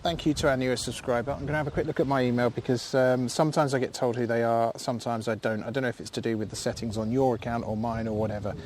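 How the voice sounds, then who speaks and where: A man's voice: mid-range voice, fairly even intonation, fast, hardly any pauses, a little mellow, a little hiss or hum. A man hosting a casual live stream from a field, chatty and thankful, rambling with fillers. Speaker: livestream host. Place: outdoors in a field.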